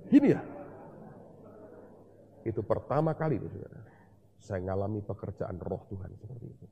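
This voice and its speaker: A man preaching in a large church hall, with a long reverb trailing behind each phrase. His voice is dark and husky, and he tells his testimony like a story, acting out the dialogue of each person in it. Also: on the low side. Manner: storytelling, acting out dialogue, mixes in English words. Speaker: pastor.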